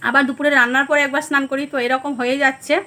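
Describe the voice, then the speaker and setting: A woman vlogger with a Bengali accent, chatting casually to viewers at home about her day, rambling with many fillers, her voice a little hoarse. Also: high voice, little pitch movement, very fast, sharp tone. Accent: Bengali (West Bengal). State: hoarse, throat going. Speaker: vlogger, housewife. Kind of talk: casual vlog chat to viewers.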